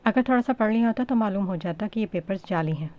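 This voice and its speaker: A woman's voice: mid-range voice, expressive, fast, dry recording, lo-fi sound, lightly acted. A woman voicing a cheeky, theatrical young man in a romance audiobook, with a teasing, sarcastic manner.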